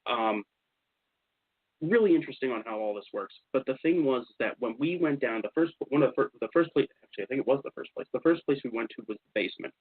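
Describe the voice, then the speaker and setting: This male radio host spins casual tales about investigations, animated and fast, acting out what people said in a husky medium-pitched voice. There's no echo, though the lo-fi radio sound is slightly dull.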